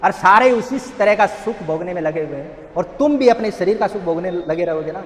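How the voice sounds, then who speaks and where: A man's voice: high-pitched, animated, brisk. A man giving an earnest motivational talk at a rehab center, telling a parable and asking rhetorical questions. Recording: echoey hall.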